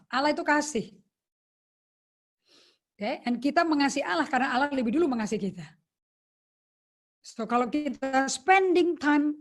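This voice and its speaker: A woman pastor teaching a sermon over a video call, chatting casually and slipping English phrases into her talk. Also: sits high.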